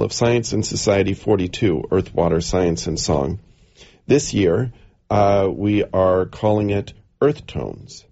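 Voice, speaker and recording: A man hosting a radio interview, speaking haltingly with many fillers. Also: low-pitched, vocal fry, mellow, muffled recording.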